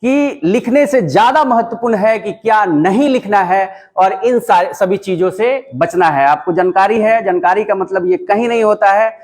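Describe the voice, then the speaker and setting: High-voiced man teaching a Hindi lesson. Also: moderate pace, few pauses, darkish tone. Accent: Bihari Hindi. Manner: explanatory, repeats points for emphasis. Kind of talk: classroom lecture. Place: classroom with a writing board.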